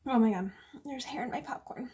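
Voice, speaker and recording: A woman's voice: on the high side, a little fast, dark tone, slight background noise. A woman reviewing a drink in a casual vlog, chatty and sarcastic, full of fillers and swearing. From United States.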